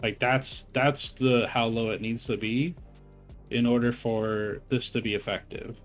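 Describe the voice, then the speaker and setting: A young man talks over his gameplay footage in a loose, rambling way, full of filler words, restarts and swearing. His voice sits at an ordinary middle pitch and sounds slightly phlegmy from eating while he talks. Faint music plays behind him. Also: fairly even intonation, unhurried. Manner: rambling, profane, heavy on filler words and self-corrections. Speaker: gamer reviewing his own raid footage. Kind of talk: casual gameplay commentary.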